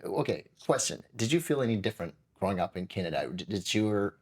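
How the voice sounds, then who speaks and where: A male podcast co-host with a lowish voice and a lively, swinging pitch. He asks easygoing questions and drops short affirmations while others talk. This is relaxed conversation. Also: quick pace. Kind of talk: casual conversation.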